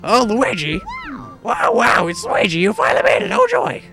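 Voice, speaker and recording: Hoarse squeaky game mushroom creature, frantic and excitable, put on by a sick man, high falsetto. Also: normal speed, music in the background, heavily acted. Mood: panicked, relieved. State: hoarse from illness.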